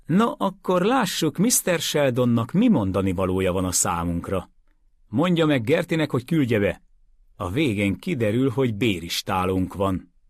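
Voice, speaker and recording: A man reading aloud, voicing a calm, dry-witted male lawyer who speaks in a measured, firm way. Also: medium pitch, no echo, voice pushed up. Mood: wry.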